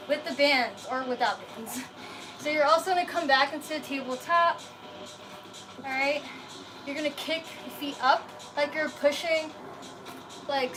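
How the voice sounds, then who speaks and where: A woman's voice: sits high, noisy background. A woman coaching like an aerobics instructor, casually giving exercise cues and counting reps with encouragement. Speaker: fitness instructor leading a live workout. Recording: music playing behind the voice.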